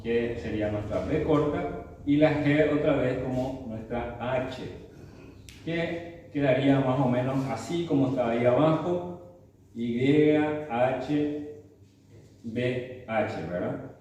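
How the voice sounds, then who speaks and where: A man teaching a church Bible class, explaining slowly and often checking with the class through tag questions. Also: medium pitch, darkish tone, muffled recording. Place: church hall. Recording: distant mic in very echoey hall, faint room noise.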